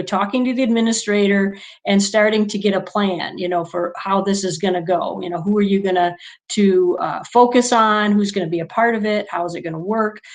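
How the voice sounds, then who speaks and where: A woman instructional coach leading an online meeting, telling a story in a chatty way and acting out the people she quotes. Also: mid-range voice. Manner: chatty, animated when quoting people. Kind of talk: casual storytelling to a video meeting.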